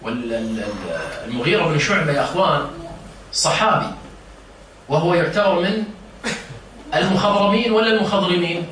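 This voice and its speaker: Teacher in an echoey room. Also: male voice, on the high side, animated, normal speed, long pauses, fairly bright tone. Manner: questions the listeners and explains word meanings. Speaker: religious teacher. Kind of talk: informal lesson to a seated circle. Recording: echoey room, distant mic, faint noise.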